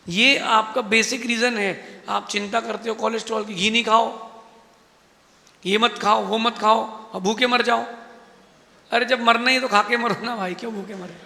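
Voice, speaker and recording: A Jain monk delivering an emphatic, rhetorical Hindi sermon with a preachy manner. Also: male voice, very high voice, creaky, sharp tone. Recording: echoey hall.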